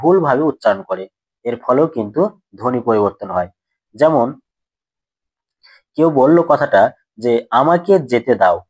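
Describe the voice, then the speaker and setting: Man, teacher type; slightly husky, steady middle pitch, dry recording; drills students with rhetorical questions. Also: unhurried, pauses often, dry recording, poor audio. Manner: asks questions then answers them himself, repeats key points. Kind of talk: grammar lesson for school students.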